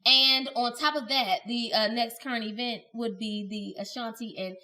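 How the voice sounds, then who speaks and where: A woman's voice: on the high side, fairly even intonation, moderate pace, pushed and bright. A woman co-hosting a podcast in casual, playful chat, at times in a mock news-anchor delivery. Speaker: podcast co-host.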